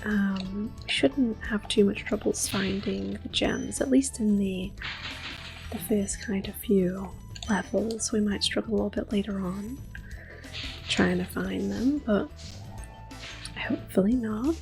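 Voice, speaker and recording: A woman with a mid-range voice hosts soft-spoken ASMR gameplay commentary, gentle and unhurried, often drifting into a breathy whisper. Soft video game music plays in the background.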